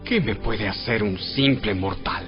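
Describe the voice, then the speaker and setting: A man's voice: on the low side, unhurried, close to an everyday voice. A man playing a devout believer who makes solemn declarations of trust in a dramatized audio Bible. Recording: dull radio-like sound with music behind. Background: music.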